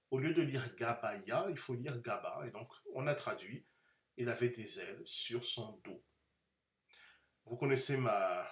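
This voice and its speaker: A man giving an unscripted Bible lesson, explaining slowly and carefully with frequent hesitations. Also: mid-range voice. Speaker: Bible teacher. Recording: echoey room.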